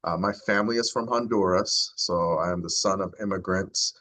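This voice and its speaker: A man in his forties with a very deep, low voice talks to a neighborhood gathering as the county sheriff. His delivery is earnest and heartfelt, reflective and sincere as he addresses the community. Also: moderate pace, bright, forceful tone. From United States. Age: 40s. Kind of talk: community talk to a neighborhood group.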